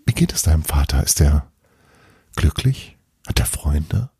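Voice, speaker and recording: A man voicing a gentle, caring grandmother who speaks softly and tenderly. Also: extremely low pitch, big pitch swings, a little slow, slightly rough, no echo, studio quality, full character voice. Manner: soft, tender.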